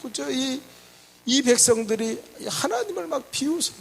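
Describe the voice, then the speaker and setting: A man's voice: extremely high pitch, animated, moderate pace, gravelly, a bit bright, slight background noise. A male pastor preaching a sermon in a church, asking the congregation rhetorical questions and leading them in call-and-response. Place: church sanctuary.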